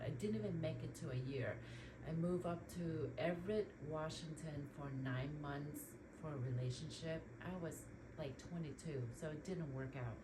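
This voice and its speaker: A woman in her forties, from Vietnam, talks in a low, easygoing voice as she sorts clothes at home. Her chat rambles along with plenty of ums and likes. A steady hiss of background noise sits under the home recording. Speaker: lifestyle vlogger. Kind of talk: casual chit-chat while decluttering. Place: home closet.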